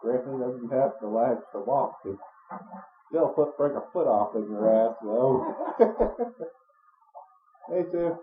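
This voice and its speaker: A man's voice: mid-range voice, very animated, takes it slowly, pauses often, a little hiss or hum. A young man joking and laughing as he comments on a video game. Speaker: let's play co-host. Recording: echoey room, muffled audio.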